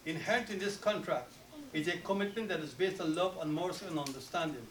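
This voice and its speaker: Officiating a wedding, a Guyanese man with a Guyanese accent delivers a solemn, formal sermon that includes rapid Arabic recitation. His voice is on the high side, and he sounds reverberant and far from the mic.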